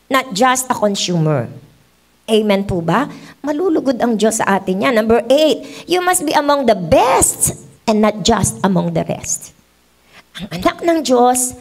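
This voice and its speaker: A middle-aged Filipino woman pastor preaching a sermon in church, mixing in English and acting out quoted voices. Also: on the high side. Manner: switches between Tagalog and English, acts out quoted voices.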